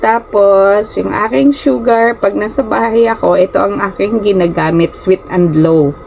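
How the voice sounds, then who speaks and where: Babaeng madaldal na may puntong Pilipino, may ingay sa likod. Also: female voice, mid-range voice, unhurried, gravelly, darkish tone, muffled recording, slight background noise. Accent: Filipino. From Philippines. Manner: chatty, often addresses viewers as guys, stumbles over words. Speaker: vlogger. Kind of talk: casual chat to viewers. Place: small rented room at home.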